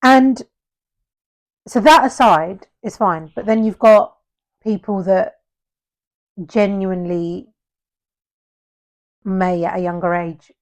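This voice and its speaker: Woman, co-host, mid pitch, earnest and explanatory. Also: slow pace, pauses often. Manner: earnest and explanatory, speaks in long run-on points. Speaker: podcast co-host. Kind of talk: casual chat.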